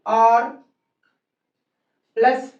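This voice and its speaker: A man's voice: very high-pitched, little pitch movement, very slow, a little mellow. A man teaching English grammar at a classroom board, spelling words out letter by letter and calling his students children. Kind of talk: classroom lesson on a whiteboard. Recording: distant, roomy and dull-sounding classroom recording.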